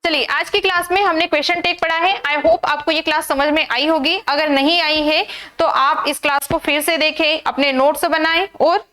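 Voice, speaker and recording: Indian woman teacher, very high voice, drills exam grammar with repeated questions. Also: steady tone, normal speed, pushed and bright. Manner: repetitive drilling with rhetorical questions. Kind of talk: exam-prep grammar lesson.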